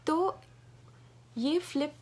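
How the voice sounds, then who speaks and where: A woman with a Pakistani Urdu accent giving an informal parenting talk in a conversational way, often checking in with the listener. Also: high voice. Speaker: parenting educator.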